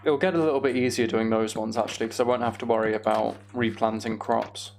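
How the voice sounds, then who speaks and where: This host's medium-pitched, darkish voice moves quickly with fairly even intonation as he runs a live gaming stream. Between casual remarks to viewers, he mutters each step of his task to himself; background noise and keyboard clicks are clearly heard.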